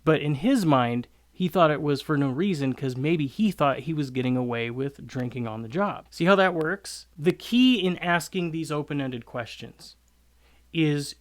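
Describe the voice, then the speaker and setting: Man, fairly high voice, chatty advice monologue, loose and filler-heavy, slips into quick quoted voices. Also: expressive. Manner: conversational, uses many fillers, acts out quotes. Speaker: content creator giving hiring advice to cooks.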